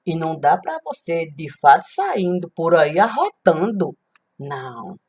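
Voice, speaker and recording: A woman performing a dramatic spoken-word story, theatrical, swinging between loud exclamations and hushed asides. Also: sits low, big pitch swings, unhurried, slightly rough. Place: indoors, recorded on a webcam.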